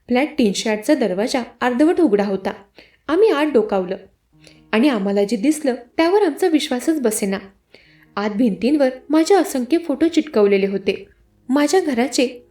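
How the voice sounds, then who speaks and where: A woman's voice: on the high side, warm tone. A woman narrating a suspenseful first-person story in a dramatic storyteller's manner. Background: faint music.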